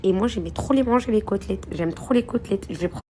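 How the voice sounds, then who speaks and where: A woman's voice: mid-range voice, quick pace, dark tone, a little hiss or hum. A young woman, chatting casually to her followers in a rambling phone vlog from a hotel room. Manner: chatty, rambling, addresses viewers as princesses and girls. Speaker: vlogger.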